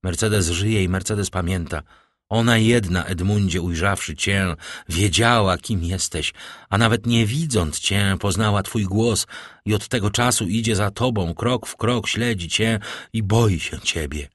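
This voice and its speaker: A man voicing a grieving middle-aged noblewoman who pleads with hushed desperation for her son. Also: lowish voice, a little slow, dry recording, clean studio sound. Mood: pleading.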